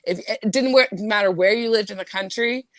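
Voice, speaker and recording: A woman's voice: mid-range voice, a little fast, a bit bright, no room sound. A woman chatting casually on a panel, informal and emphatic with her opinions. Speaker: podcast panelist. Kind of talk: casual, chatty group discussion.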